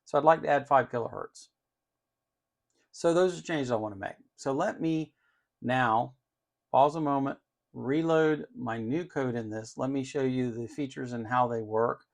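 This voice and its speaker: A gravelly man's voice, medium in pitch and delivered at normal speed, comes from an electronics channel host. He explains an unscripted tech demo step by step, opinionated and emphatic on key terms.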